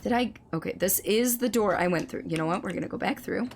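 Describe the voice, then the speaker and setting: A woman streamer gives live gameplay commentary, reading chat and replying as she goes. Her mid-range voice is slightly hoarse as it recovers, and she talks fast. There's a little hiss or hum in the audio.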